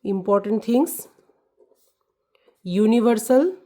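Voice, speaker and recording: A woman explains a grammar lesson to children at an unhurried pace. She repeats words over and over and keeps checking that they follow. Her voice sits a little high. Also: mellow. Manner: repeats key words, checks "clear?" and "ठीक है". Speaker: teacher.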